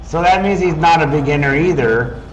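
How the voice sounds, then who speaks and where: A man's voice: on the high side, normal speed, highs cut off. A man streaming a game, chatting casually and sounding tired from the late hour. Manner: relaxed, chatty, questioning. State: tired, yawning. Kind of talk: casual gaming chat.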